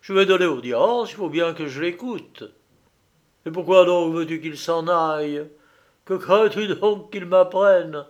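A man reading an audiobook, voicing a coolly mocking revolutionary leader with a high, sharp voice. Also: unhurried, muffled recording. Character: shrill, icily calm revolutionary leader, man.

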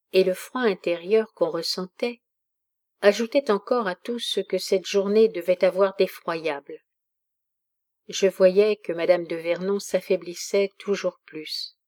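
Une femme lit un roman classique avec une lenteur solennelle. Sa voix est douce, chaude et sombre. La hauteur de sa voix est moyenne. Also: female voice, medium pitch, a little mellow. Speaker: audiobook reader. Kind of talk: literary audiobook narration.

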